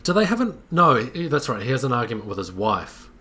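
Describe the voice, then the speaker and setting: A man's voice: medium pitch, very animated, a little fast, pushed and bright. A man in casual conversation, thoughtfully breaking down a film scene with frequent restarts. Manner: thoughtful, many restarts while building a point. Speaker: podcast co-host discussing a film.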